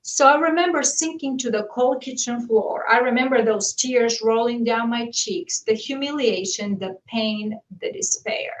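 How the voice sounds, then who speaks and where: A woman's voice: on the high side, a little slow, hardly any pauses. Earnest woman, distant mic. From Bulgaria. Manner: earnest, steady and heartfelt. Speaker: guest author. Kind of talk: personal storytelling on a talk show.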